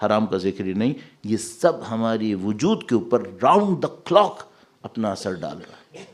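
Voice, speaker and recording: A man giving a religious sermon as a cleric, mixing English words into his talk and reciting Arabic verses slowly, swinging from emphatic peaks to soft low asides. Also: animated. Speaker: Shia cleric giving a Muharram majlis.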